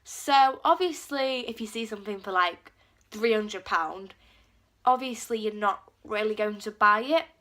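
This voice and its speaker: A teenage girl with a cold vlogs casually to camera in a medium-pitched, sharp-toned voice, speaking a little slowly. She's chatty, packs her talk with "like," and acts out quotes.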